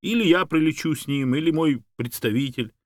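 A man voicing a brisk, good-humoured middle-aged man who speaks in an upbeat, reassuring way. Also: a little high, no room sound, studio quality, voice pushed up, natural voice. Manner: upbeat and reassuring, a bit raised.

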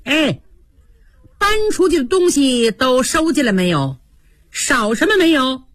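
A woman voicing a sharp, bossy young noblewoman who runs the household, brisk and commanding in a storytelling broadcast. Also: high-pitched, big pitch swings, no echo, studio quality, voice pushed up, full character voice.

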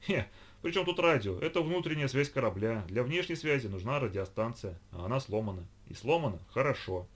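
A man reading a storybook, voicing a gruff middle-aged captain who answers in short, grumbling lines. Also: medium pitch, animated, fairly quick, lightly acted. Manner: curt, grumbling.

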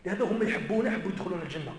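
A man with an Algerian Arabic accent, a native Amazigh speaker, gives an emphatic lecture in a large mosque, speaking fast in a very high voice. His words ring out through the echoey hall with a long reverb. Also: a little hiss or hum. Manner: emphatic, repeats key phrases.

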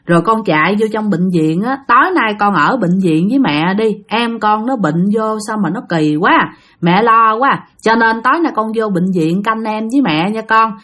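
A woman's voice: mid-range voice, expressive, moderate pace, a bit bright, close to an everyday voice. A woman voicing a worried mother who coaxes and pleads. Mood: coaxing. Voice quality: pleading, coaxing. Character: worried mother pleading with her sick son.

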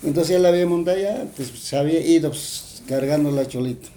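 A man's voice: on the high side, fairly quick, dark tone, slight background noise. Rambling Bolivian storyteller man. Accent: Bolivian Spanish. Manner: rambling, with frequent fillers and tag questions. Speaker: interviewee. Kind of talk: retelling a folk tale.

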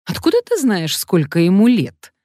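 A woman's voice: mid-range voice, big pitch swings, normal speed, dark tone, no echo, studio quality, pitched above the performer's own voice. A woman voicing a bossy, ironic middle-aged woman.

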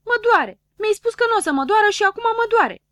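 A reckless little boy dwarf from a storybook whines and shrieks in a piercing high voice, put on by a woman reading the tale. His cries are sharp and loud, close and dry on the audiobook recording. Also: animated, no room sound. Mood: whining. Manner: shrill cries of pain. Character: boyish little male dwarf, reckless and whiny. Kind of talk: audiobook character voice.

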